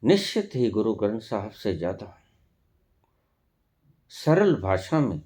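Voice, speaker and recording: A man giving a spiritual discourse as a teacher, deliberate and full of rhetorical questions. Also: lowish voice, very animated, warm tone.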